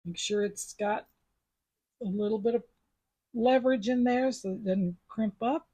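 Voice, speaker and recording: Husky-voiced woman teaching beadwork. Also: on the high side, measured pace, warm tone. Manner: chatty, step-by-step instructions. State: sucking a mint after coughing. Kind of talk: casual craft tutorial.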